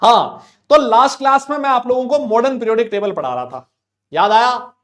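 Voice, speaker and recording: Guy teaching chem online, kinda high voice, real loud, keeps asking the class stuff back. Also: animated, fairly quick. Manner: loud, talks to students, voices their questions back. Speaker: chemistry teacher. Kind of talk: live online class lecture. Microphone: desk mic with level meter.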